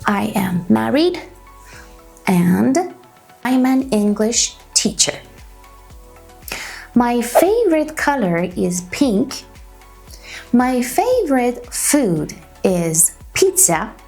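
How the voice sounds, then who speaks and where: A woman in her thirties from Canada, an English teacher giving a slow beginner lesson and repeating each phrase carefully for learners. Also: a little high, very animated, gravelly, a little mellow, faint music behind. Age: 30s. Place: small room indoors.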